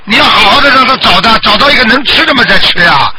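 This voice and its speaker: Male Buddhist master on a call-in show: lecturing, scolding, high-pitched, over heavy noise. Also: animated, fast. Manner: scolding, lecturing, keeps asking if she understands. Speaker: Buddhist master advising callers. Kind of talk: call-in counseling. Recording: loud background noise.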